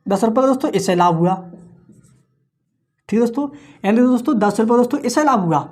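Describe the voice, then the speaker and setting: A man teaches maths for exam preparation, reciting quick times-table chants as he works out sums and calling the audience friends again and again. Self-answered questions run through his delivery. He has a very high, expressive voice with a darkish tone.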